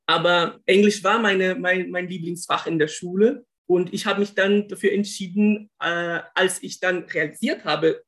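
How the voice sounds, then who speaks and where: A Brazilian man with a notably high, fairly bright voice speaks German as a guest in a conversational interview; he is a linguist and German teacher. His German carries traces of Portuguese. Thoughtful, he searches for his words and often restarts phrases.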